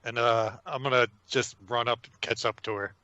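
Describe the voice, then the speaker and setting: A man's voice: mid-range voice, fairly even intonation, normal speed, sharp tone, dry recording, lo-fi sound. Casual, hesitant tabletop player man. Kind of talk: tabletop role-play chat.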